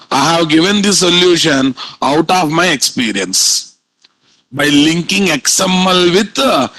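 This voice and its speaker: A man's voice: fairly high pitch, sharp tone, no echo, poor audio. A man with a Telugu Indian accent lecturing live as a programming instructor, repeating points and constantly quizzing his students with questions.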